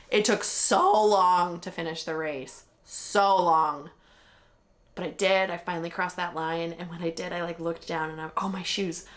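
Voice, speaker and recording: Young woman vlogger, candid chatter, slightly low-pitched, talks freely. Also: a bit bright. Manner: candid and chatty, heavy with "like" and mild swearing. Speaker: vlogger recapping a marathon. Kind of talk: casual chat.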